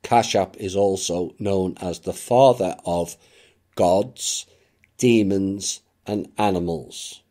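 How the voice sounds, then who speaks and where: A man giving a reflective spoken monologue as a channel narrator, measured and unhurried, with occasional dry asides. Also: low voice, mellow.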